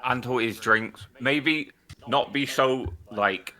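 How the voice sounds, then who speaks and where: A man's voice: mid-range voice, takes it slowly, pushed and bright, poor audio. A man hosting a livestream with casual banter, speaking in a blunt, sweary way. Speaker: host.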